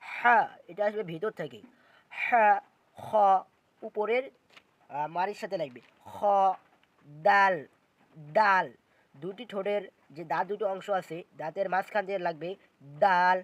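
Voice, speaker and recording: A man's voice: high voice, a little slow, pauses often, fairly bright tone, no room sound. A man teaching Quran reading, spelling out letters and syllables one by one and repeating them in a patient lesson. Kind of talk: slow step-by-step recitation lesson.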